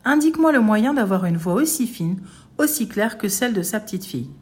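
A woman voicing a huge greedy male ogre in a read-aloud folk tale, loud and pushy. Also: mid-range voice, very animated, fairly quick, natural voice. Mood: demanding.

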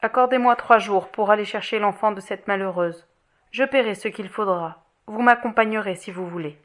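A woman voicing a gentle, calm middle-aged man in an audiobook, speaking softly and steadily. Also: medium pitch, moderate pace, lightly acted. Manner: soft, calm, quiet. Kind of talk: audiobook reading.

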